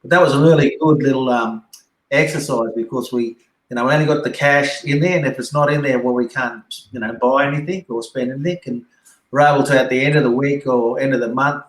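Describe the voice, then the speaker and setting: A man's voice: medium pitch, fairly even intonation, brisk. Laid-back Australian man, echoey room. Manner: laid-back, rambling, many fillers. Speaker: guest. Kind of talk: casual yarn on a live stream.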